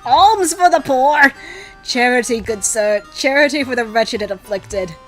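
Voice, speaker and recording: A woman voicing a humble beggar who pleads for charity in a slow, drawn-out way. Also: on the high side, expressive, fairly bright tone, faint music behind, low-quality recording. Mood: pleading.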